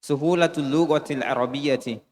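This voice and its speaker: Halting male student reciting, roomy echo. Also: a little high. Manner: halting, restarts words while reciting. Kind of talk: reciting answers in class.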